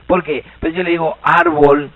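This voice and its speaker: A man with an Argentine Spanish accent giving a lively seminar lecture as a Guaraní language teacher, joking and quizzing the audience. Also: fairly high pitch, normal speed, narrow, tinny audio. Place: seminar hall.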